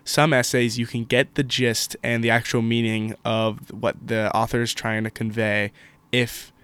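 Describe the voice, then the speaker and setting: A man's voice: mid-range voice, level tone, measured pace, fairly bright tone, smooth. A young adult man hosting a casual podcast, eager and stumbling, often repeating his words. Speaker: podcast host.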